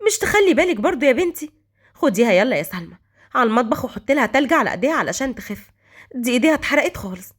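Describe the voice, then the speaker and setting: A woman's voice: sits high, sing-song, very fast, slightly rough, full character voice. A woman voicing an older mother with an Egyptian accent, who scolds and pleads with her son. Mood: caring. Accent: Egyptian Arabic.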